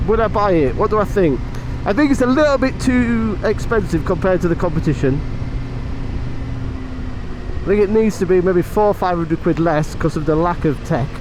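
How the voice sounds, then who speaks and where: High-voiced man motovlogging, wind on mic. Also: animated, moderate pace. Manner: off-the-cuff, chatty thinking aloud. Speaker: motorcycle vlogger and reviewer. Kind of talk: casual motovlog commentary while riding. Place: outdoors, riding a motorbike on mountain roads. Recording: wind and road noise on mic.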